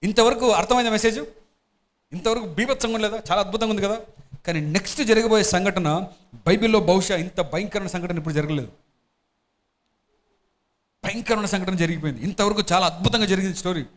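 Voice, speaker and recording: A high-pitched man delivers a sermon, reading scripture passages slowly and emphatically. Between readings he breaks into lively, questioning explanation for his listeners. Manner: reads scripture slowly and loudly, then explains in lively chat; asks the congregation questions often. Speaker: pastor. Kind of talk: expository Bible sermon.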